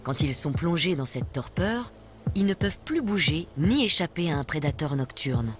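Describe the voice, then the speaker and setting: A woman reads scripted nature documentary narration in a measured, explanatory storytelling way. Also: low-pitched, animated, noisy background.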